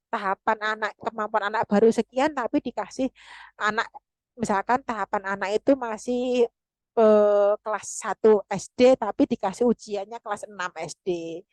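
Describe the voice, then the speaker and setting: A woman speaks in a fairly high voice. She coaches parents through an online lesson, patient and explanatory, with many fillers. The sound is dry and close, with no room echo. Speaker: parenting educator.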